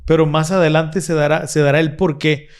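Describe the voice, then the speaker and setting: A man's voice: on the high side, level tone, fairly quick, clear, resonant tone. A man co-hosting a casual religious discussion, explaining earnestly and restarting his phrases often. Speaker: podcast co-host.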